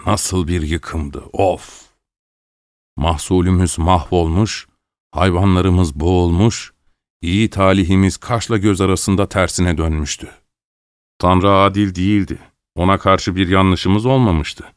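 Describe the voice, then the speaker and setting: An audiobook narrator reads a literary story in a low, resonant, clean voice with a steady tone, measured and dramatic, lifting his voice when quoting other characters. The recording comes from a close studio mic and sounds dry, with no room echo.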